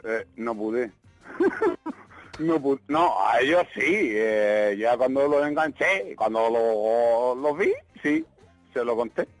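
Man, Murcian accent, cartoonish voice, animated swooping pitch, dry sound, stammering radio caller, casual storytelling. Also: dry recording, faint music behind. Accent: Murcian Spanish. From Murcia, Spain. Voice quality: odd, cartoonish voice. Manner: halting, stammering, repeats words. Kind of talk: casual comic anecdote telling.

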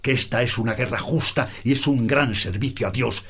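An actor playing a deluded, grandiose old knight who declaims in lofty, archaic speech. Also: male voice, medium pitch, normal speed, husky. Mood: grandiloquent.

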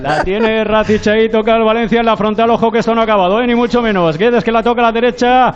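A man's voice: extremely high pitch, steady tone, fast, smooth, highs cut off. A man with an accent from Spain giving running play-by-play football commentary. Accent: Spanish, from Spain.

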